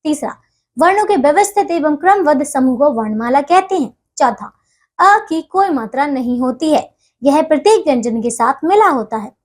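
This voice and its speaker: A woman with a high voice leads a lesson for young children. She talks patiently, walks through each exercise step by step and keeps checking that her listeners are following. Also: expressive, normal speed. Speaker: teacher.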